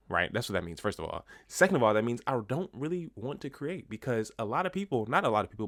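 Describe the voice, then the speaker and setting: A young man talking casually to camera at home in a vlog, a little out of breath, with a relaxed, slangy, rambling delivery. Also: mid-range voice, no room sound, studio quality. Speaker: vlogger. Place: indoors at home.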